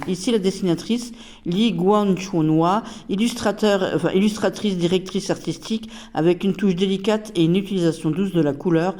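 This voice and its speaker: A woman's voice: on the low side, dark tone. A woman casually reviewing a tarot deck, chatty and hesitant with many fillers.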